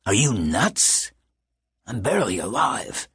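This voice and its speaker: A male audiobook narrator voicing an exhausted, feverish teenage boy who answers in a gruff mutter. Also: on the low side, big pitch swings, slow pace, fairly bright tone, dry recording, heavily acted. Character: weak, feverish teenage boy patient, grumpy. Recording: dry close studio sound.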